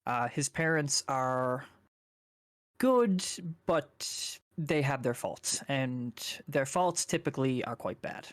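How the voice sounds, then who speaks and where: A man's voice: mid-range voice, lively intonation, slow pace, no echo, studio quality. A young man from Canada, a guest on a chat stream, rambling casually through a personal story and swearing now and then.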